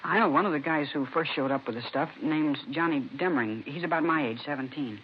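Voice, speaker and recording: In a casual 1950s radio drama, an actor plays a cooperative, slangy seventeen-year-old boy under questioning, sounding casual and candid. His fairly high, fairly quick voice is close to an everyday one, captured on a muffled vintage radio recording with faint noise.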